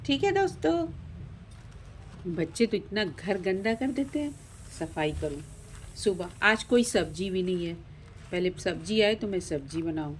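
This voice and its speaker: A woman's voice: lowish voice, lively intonation, a little slow, pauses often, slight background noise. Woman as a busy village housewife. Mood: homely.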